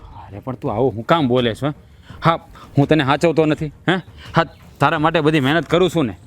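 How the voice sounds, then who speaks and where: A man's voice: fairly high pitch, fairly quick, natural voice. An actor playing a poor young husband who keeps soothing and pleading with his wife. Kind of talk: village family drama.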